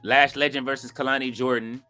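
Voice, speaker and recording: A man hosting a live watch-along stream, chatting loosely with viewers and leaning on fillers like "you know what I'm saying," with sudden excited outbursts. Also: medium pitch, a little fast, faint music behind. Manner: bursts of excited reaction. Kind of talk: casual live-stream chat, reading viewer comments.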